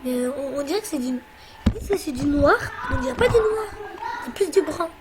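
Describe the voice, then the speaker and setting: A woman's voice: sits high, animated, moderate pace, very noisy. A woman hosting a let's play, chatting casually and bossily teasing her co-player as she plays. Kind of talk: casual gameplay commentary.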